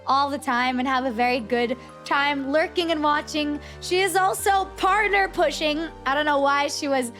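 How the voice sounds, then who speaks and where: High-pitched cute anime-streamer woman. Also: moderate pace, few pauses, fairly bright tone. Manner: gushing reactions, casual swearing. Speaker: talk show host. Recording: music playing in the background. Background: music.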